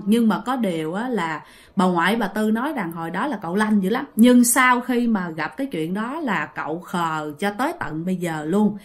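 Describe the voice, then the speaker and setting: A woman with a Southern Vietnamese accent telling a ghost story in a chatty way, often turning to her listeners. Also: mid-range voice. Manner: conversational, addresses listeners directly.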